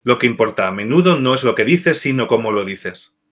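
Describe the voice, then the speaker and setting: Male narrator, bright forceful voice, measured scripted reading, numbered points with sharp pitch jumps. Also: lively intonation. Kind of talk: scripted devotional explainer narration.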